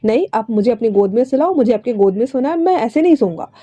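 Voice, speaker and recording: A sulky, possessive young man, voiced by a woman storyteller, clingy and stubborn. His voice sits fairly high with a soft, mellow tone. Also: animated, fast.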